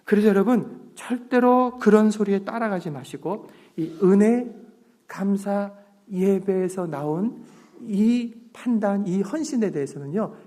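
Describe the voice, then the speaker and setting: A man's voice: high-pitched, unhurried, dark tone. A middle-aged man preaching a sermon as pastor, earnest and emphatic, drawing the congregation into call-and-response. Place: church sanctuary. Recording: long reverb of a church sanctuary.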